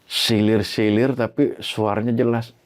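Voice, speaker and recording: A man telling his own horror story in a casual, slangy way. He swears freely and acts out the bangs and creaks he heard. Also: fairly low pitch, measured pace. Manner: animated, imitates sounds like bangs and creaks.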